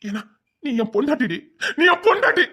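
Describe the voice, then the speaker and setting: A man's voice: animated, a little fast, exaggerated voice. A man with a Tirunelveli Tamil accent, voicing a wronged and vengeful husband in a dubbed family drama, scolding bitterly. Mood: seething. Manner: bitter, scolding, swinging between shouts and low mutters.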